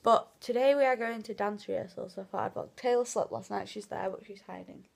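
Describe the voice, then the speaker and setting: A young woman chats casually to her vlog while wearing clear plastic retainers. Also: medium pitch, a little fast. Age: teens. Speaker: vlogger. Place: small bedroom at home. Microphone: handheld phone camera at arm's length. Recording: phone recording with faint noise.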